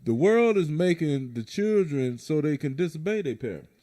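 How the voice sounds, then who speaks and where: A middle-aged man hosting a podcast, telling profane, animated stories in casual banter. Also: on the high side, moderate pace. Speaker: podcast host.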